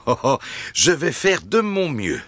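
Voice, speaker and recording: A man's voice: medium pitch, huge pitch swings, measured pace, a bit bright, dry recording, exaggerated voice. A man voicing a jolly, good-natured daddy pig in a children's cartoon, with a hearty, jovial manner. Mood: touched, jolly.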